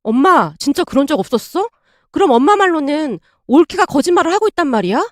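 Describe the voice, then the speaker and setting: A woman voicing a middle-aged mother who confides in a hushed, lower tone. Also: very animated, quick pace, no echo, studio quality. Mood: reproachful.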